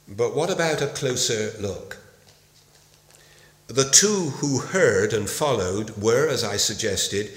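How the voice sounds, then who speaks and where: A man preaching a sermon in an unhurried, measured voice, leaning on each key word. He speaks at a middling pitch. His voice rings out in a roomy hall with a long reverb. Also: a bit bright. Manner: slow, deliberate delivery with emphatic pauses.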